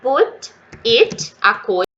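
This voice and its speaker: A woman with a Brazilian Portuguese accent teaching an English lesson in a casual, lively way, slowly repeating words for learners. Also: fairly high pitch, highs cut off, slight background noise.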